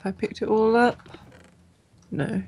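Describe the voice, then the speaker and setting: A woman's voice: on the high side, measured pace, creaky, a little mellow, breathy edge. A young woman in casual gaming chat, a self-mocking beginner who mutters to herself while playing. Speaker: beginner gamer.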